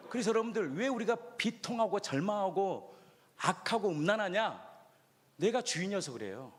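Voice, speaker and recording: A man's voice: high voice, big pitch swings, moderate pace. Preaching man with big echoing swings. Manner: preaching with dramatic swings between shouting and hushed speech. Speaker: pastor. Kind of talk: sermon. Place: church hall at an outdoor youth rally.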